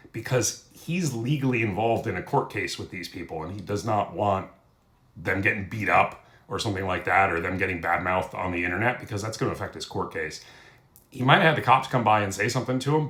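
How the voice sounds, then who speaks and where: A man's voice: sits low, fairly bright tone. Indignant man in an echoey room. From United States. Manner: indignant, scolding. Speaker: commentary host. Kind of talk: reaction commentary.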